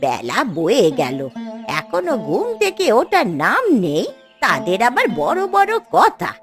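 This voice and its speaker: A woman's voice: on the high side, wildly swooping pitch, a little slow, over music, exaggerated voice. A woman voicing a stern, fretting old grandmother in a cartoon, scolding and grumbling in a weary way. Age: older. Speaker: voice actor. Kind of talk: cartoon voice acting.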